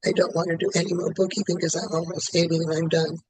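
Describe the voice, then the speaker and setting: This man, in his late seventies, speaks in a high, flat, slightly rough voice and repeats one statement over and over in a quick, steady rhythm as a tapping-session client. The sound is close and dry with no echo.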